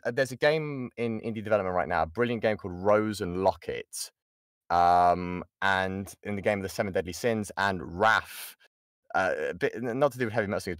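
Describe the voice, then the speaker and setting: A British voice actor hosts a chatty online lesson from indoors, taking questions and breaking off to stress key points by repetition. His voice is lowish, recorded in clean studio sound without echo.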